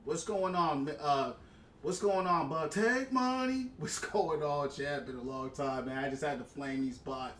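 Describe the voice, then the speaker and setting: A man's voice: a little high, a little slow, a bit bright, slight background noise. A man streaming a game, ranting in a heated, repetitive, mocking way at a viewer in his chat. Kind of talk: ranting live stream commentary.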